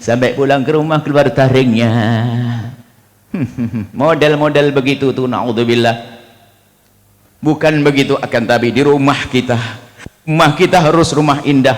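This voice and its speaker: A man from Indonesia giving a lively sermon, swinging between loud exclamations and quiet asides. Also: mid-range voice, normal speed, pauses often. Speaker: preacher. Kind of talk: lively sermon to a live audience. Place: large hall at a religious gathering. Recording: long hall reverb.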